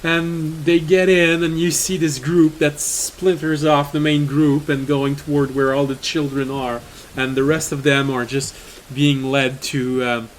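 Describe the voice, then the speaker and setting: A man's voice: on the high side, flat delivery, a little slow, few pauses, low-quality recording. A man narrating a tabletop game as game master, chatty, with fillers and laughs. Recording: faint hiss in the background.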